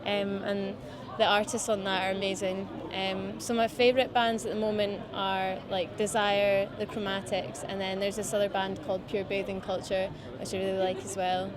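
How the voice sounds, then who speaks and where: A woman in her twenties with a Scottish accent talks easily in an outdoor interview. Her speech meanders, full of fillers and restarts, in an unremarkable mid-range voice. Crowd chatter carries clearly behind her. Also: mid-range voice, normal speed, hardly any pauses. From Scottish Highlands. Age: 20s. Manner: relaxed, rambling with many fillers. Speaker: musician guest. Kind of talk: casual interview chat. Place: outdoors by a city riverbank.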